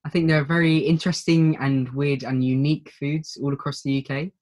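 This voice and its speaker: A British man from the United Kingdom answering questions in a casual group video chat, pausing often with ums. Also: fairly high pitch, flat delivery, darkish tone, poor audio. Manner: hesitant, many pauses and ums.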